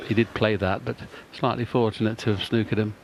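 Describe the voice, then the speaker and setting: Low-voiced male snooker commentator. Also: little pitch movement, fairly quick, creaky, very noisy. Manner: analytical. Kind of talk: live sports commentary.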